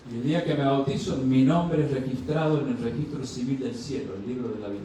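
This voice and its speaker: A male pastor preaches a sermon with a mellow, dark tone. He asks his listeners questions and acts out little dialogues, lifting his voice for them. He is heard from a distant mic in a very echoey church, with faint noise behind him. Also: mid-range voice, a little fast. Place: church sanctuary.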